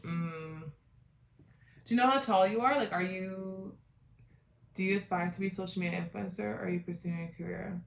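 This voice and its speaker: A woman's voice: medium pitch, normal speed, vocal fry, pauses often, reverberant, a little hiss or hum. A woman in her twenties hosting a casual livestream, chatty and rambling, greeting viewers by name. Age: 20s. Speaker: livestream host. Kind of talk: casual live chat with viewers.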